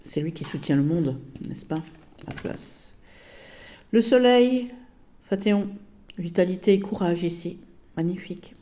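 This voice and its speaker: A woman's voice: lowish voice, unhurried, pauses often, warm tone. A woman at home giving a casual card-by-card review of a tarot deck, gushing and repeating her praise while stopping often to search for words.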